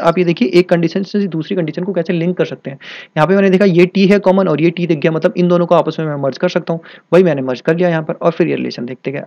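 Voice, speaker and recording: Young man, Hindi teacher, slightly high voice, repeats each step, dry close sound. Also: darkish tone, no room sound, lo-fi sound. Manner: repetitive, checks often if students follow. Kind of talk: explaining a reasoning problem step by step.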